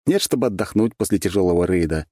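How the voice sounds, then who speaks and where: Audiobook: a self-assured young prince, dry and commanding, put on by a deep-voiced male narrator. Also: lively intonation, quick pace, warm tone, no echo. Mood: wry.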